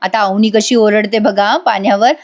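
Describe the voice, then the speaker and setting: A woman's voice: medium pitch, fairly even intonation, normal speed. A woman hosting a casual voice-over recap of a TV serial, chatting directly with viewers. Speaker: serial review host.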